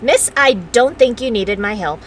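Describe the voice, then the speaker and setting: A woman giving casual, expressive gameplay commentary, playfully talking back to the game. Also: on the high side, measured pace, distant mic, a little hiss or hum. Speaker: gamer reacting while playing.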